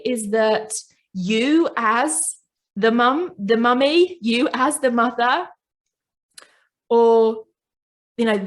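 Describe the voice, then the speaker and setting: A woman hosting a reflective self-help podcast. She talks gently and often checks in with "right?". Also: on the high side. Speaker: podcast host and coach.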